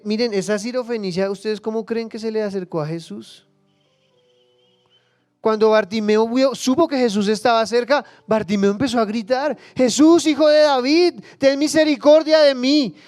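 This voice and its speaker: A male pastor delivers a passionate sermon in a high, smooth, resonant voice. He acts out prayers and Bible figures, swinging from hushed asides to loud cries, with faint music underneath.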